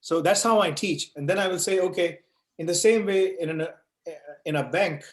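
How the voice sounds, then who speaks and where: Speaking at a moderate pace in a high voice, an online course instructor runs a session over a video call, answering questions from an echoey room. He makes his points with everyday analogies and checks in with "right?" and "you know."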